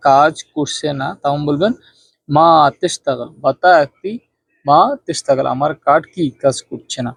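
Casting: gravelly, slightly high male tutor from Bangladesh, drills phrases slowly and explains quickly. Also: no room sound. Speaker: Arabic language teacher. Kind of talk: casual spoken language lesson.

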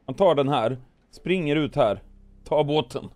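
A man hoarse from weeks of coughing, giving playful gameplay commentary as a gaming video host and narrating his moves with comic sound words. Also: on the high side, lively intonation, darkish tone.

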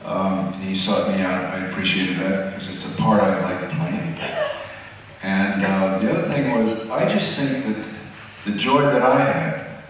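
A man's voice: fairly low pitch, unhurried, slight background noise. A man, an actor, speaking earnestly and gratefully after a screening. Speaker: film actor at a festival Q&A. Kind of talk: unscripted answer at a screening. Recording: echoey theater from a distance.

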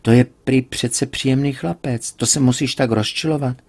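A man's voice: medium pitch, voice pushed up, natural voice. Man voicing a soothing middle-aged wife. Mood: placating. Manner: placating, gentle.

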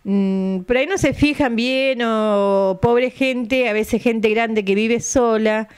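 A woman's voice: fairly high pitch, takes it slowly, clear, resonant tone. An older woman with an Argentine accent, president of a retirees' center, chatting in a local TV interview at home into a handheld mic, repeating dates patiently. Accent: Argentine Spanish. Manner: chatty, repeats dates and tags lines with a questioning aside. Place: living room at home. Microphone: handheld mic held by interviewer.

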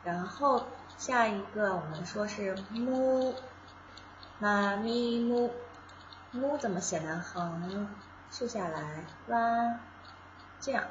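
A woman's voice: medium pitch, slow, echoey room, lo-fi sound, noisy background. A woman from China teaching a casual beginner lesson, patiently explaining each step and repeating sounds aloud. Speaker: Japanese language teacher.

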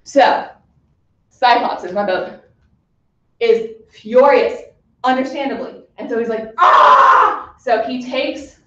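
A woman teacher talks her class through a story in a chatty, casual way, full of fillers. Her voice sits a little high. The sound is muffled and echoes around the room. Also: takes it slowly, long pauses.

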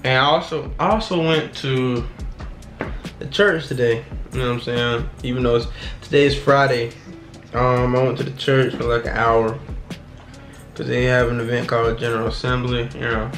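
A twenty-year-old man talks to a camera on his desk in a small wood-paneled room. His speech is laid-back and reflective, full of slang and trailing pauses. A beat plays clearly underneath, and the voice sits at an ordinary middle pitch. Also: fairly even intonation, a bit bright, roomy sound. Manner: laid-back slang, keeps saying "you know what I'm saying". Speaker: vlogger. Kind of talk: casual to-camera vlog. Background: background music.

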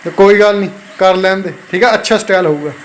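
A man's voice: sits high, fast talker, a little hiss or hum. A man with a Punjabi accent filming a casual family vlog, playfully calling out to his kids and pets. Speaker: family vlogger, father.

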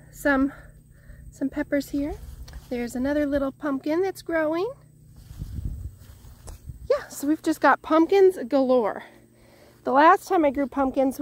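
In a high-pitched voice with a darkish tone, a Northwest Illinois home gardening vlogger cheerfully shows off her vegetable garden outdoors while walking, a little winded. The recording has a slight hiss or hum. She's grateful and chatty, often starting sentences over.

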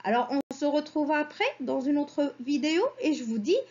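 A woman teacher slowly reading words and syllables aloud for young children. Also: high-pitched, mellow, muffled recording. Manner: slow, syllable-by-syllable, sing-song teacher voice.

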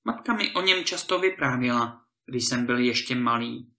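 Man reading a fearless cheery young guy, eager, bright voice. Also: medium pitch. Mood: cheerful. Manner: lively, eager. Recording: roomy echo.

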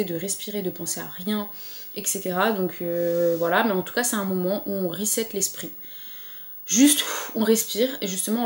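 Woman vlogger, mid-pitched voice, encouraging casual talk to camera, roomy echo on the recording. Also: darkish tone. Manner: chatty and encouraging, with frequent fillers. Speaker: lifestyle vlogger. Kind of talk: casual motivational chat to camera.

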